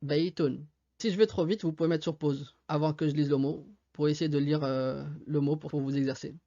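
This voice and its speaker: A man's voice: a little high, steady tone, fairly quick, dark tone, highs cut off. A male teacher giving a reading lesson, patiently spelling out sounds letter by letter. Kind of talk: slow step-by-step reading lesson. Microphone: desktop USB mic.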